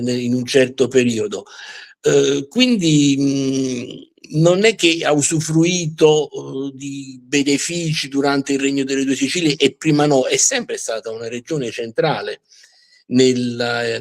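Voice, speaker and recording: A man hosting a live history show in unscripted talk, often pausing and repeating words as he searches for the right phrasing. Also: medium pitch.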